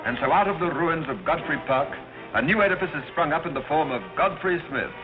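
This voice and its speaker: Man as a fast-talking, breezy 1930s film gentleman. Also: a little high, close to an everyday voice. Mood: amused. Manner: brisk, bantering. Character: breezy, nosy well-to-do society man, old friend. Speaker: actor in a film. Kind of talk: 1930s screwball film acting. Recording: muffled 1930s film soundtrack with music.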